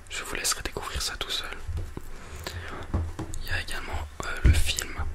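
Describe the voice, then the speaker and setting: This is an ASMR host whispering softly and breathily, like in a library, close to a binaural microphone while showing off a book and film. The audio quality is poor.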